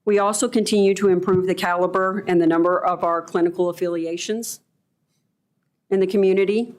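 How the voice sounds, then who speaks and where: Lower-pitched woman, formal presenter. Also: fairly even intonation, a little fast, a little mellow. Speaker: nursing school representative presenting a proposal. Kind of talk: formal prepared presentation to a board.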